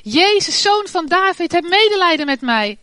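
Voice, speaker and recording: A woman voicing a blind male beggar who cries out loudly for mercy in a retold scripture story. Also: very high voice, sing-song, normal speed, dry recording, clean studio sound, voice pushed up, full character voice. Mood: desperate pleading. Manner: loud pleading cries.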